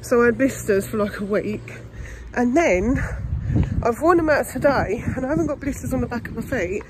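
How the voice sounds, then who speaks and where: A middle-aged woman rambles informally to her phone. Her voice sits a little high and her style is casual and confiding. Clear ambient noise runs behind her. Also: lively intonation, normal speed. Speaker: vlogger. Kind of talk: casual chatty vlog. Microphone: phone at arm's length. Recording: noisy handheld phone recording, ambient sound.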